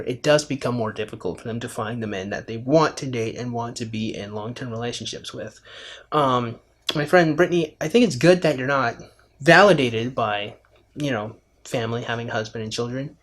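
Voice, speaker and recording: A man hosting a casual video response, talking through a clip in a conversational, lecturing way and often saying "my friend". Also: mid-range voice. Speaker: commentary video host.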